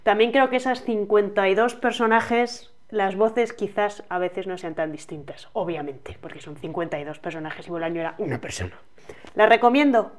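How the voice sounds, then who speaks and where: A woman's voice: mid-range voice, moderate pace. A woman with a Spain Spanish accent co-hosting a book channel, giving frank opinions and laughing easily. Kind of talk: book review chat.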